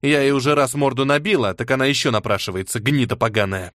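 A man's voice: mid-range voice, fast, fairly bright tone, no room sound, clean studio sound, close to an everyday voice. A man reading an audiobook and voicing a fierce, bitter teenage girl who swears harshly.

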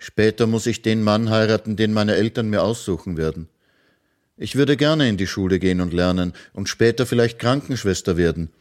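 A man voicing a wistful young girl who longs to go to school, in a gentle reading voice. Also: fairly low pitch, moderate pace, voice pushed up, lightly acted.

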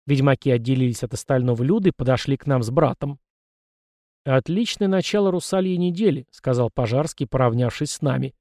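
A man reading an audiobook in steady scripted narration, raising his pitch to voice the characters. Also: fast, hardly any pauses, no echo, clean studio sound. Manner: even storytelling, voicing characters with a raised pitch.

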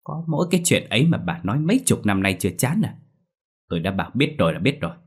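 A man voicing a cruel, bullying old landlord who shouts orders at his servants, in a storybook reading. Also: lowish voice, big pitch swings, quick pace, breathy edge, exaggerated voice. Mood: irritated. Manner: shouting, domineering.

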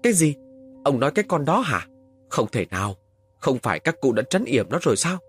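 Guy doing a worried country mom, soothing and fussy, husky lively voice. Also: mid-range voice, brisk, soft background music, voice pushed up. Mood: alarmed. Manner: soothing, fussing. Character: worried, gentle village mother.

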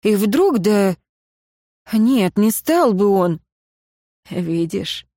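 Женщина-чтица ведёт повесть от первого лица, по-народному напевно, голос средней высоты. Запись сухая и близкая, без отзвука комнаты. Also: female voice, medium pitch, animated, slow, mellow, dry recording, studio quality. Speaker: audiobook reader. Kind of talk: audiobook narration in folksy archaic speech.

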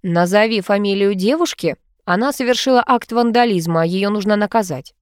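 A woman's voice: mid-range voice, moderate pace, a little mellow, smooth, no echo, studio quality, lightly acted. A woman voicing a brash, sarcastic young man who makes demands and mocks people, read as part of an audiobook. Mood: demanding.

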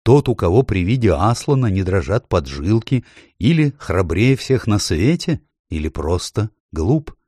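A man's voice: fairly low pitch, big pitch swings, measured pace, darkish tone, breathy edge, dry recording, clean studio sound, heavily acted. A man playing motherly Mrs. Beaver. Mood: soothing. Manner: soothing, sympathetic. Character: motherly female beaver, gentle and sensible. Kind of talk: audiobook character voice.

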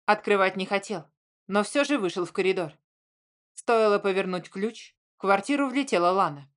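Woman narrator, measured audiobook reading, mid-pitched. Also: lively intonation. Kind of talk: scripted narration.

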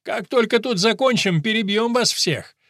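A man voicing a gruff army lieutenant who barks threats at cadets. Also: high-pitched, moderate pace, sharp tone, no echo, clean studio sound, voice pushed up. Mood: threatening. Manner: barking threats.

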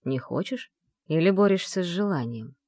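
A woman voicing a calm, persuasive young man. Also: fairly low pitch, normal speed, no echo, studio quality. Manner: quiet, soothing, insistent. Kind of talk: audiobook character reading.

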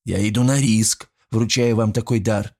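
A man's voice: on the low side, steady tone, creaky, mellow. A man doing a gloating, lecherous jailer. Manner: slow, gloating, menacing. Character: lecherous, vindictive male jailer. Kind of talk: audiobook reading.

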